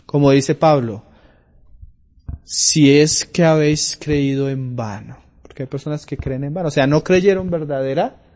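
A man preaching a sermon, talking through Bible passages and reading scripture louder. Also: a little high, moderate pace. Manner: conversational Bible teaching, rising loud for scripture readings.

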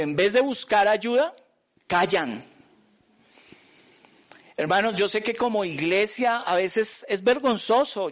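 A man's voice: fairly high pitch, a bit bright. A man preaching a fervent sermon as pastor, often asking the congregation questions. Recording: muffled lo-fi recording.

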